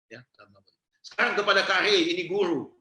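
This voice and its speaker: Guy giving a youth seminar, bright voice, roomy echo, tells stories. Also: sits high, fast talker. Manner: lively storytelling, switching into character voices. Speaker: youth seminar speaker, pastor. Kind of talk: seminar talk with acted anecdotes.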